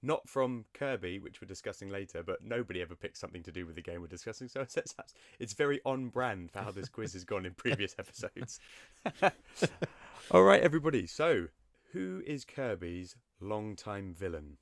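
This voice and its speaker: Quiz host, male, playful and teasing; low-ish voice with lots of swing, dry recording. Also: expressive, normal speed, dry recording. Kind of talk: casual podcast quiz.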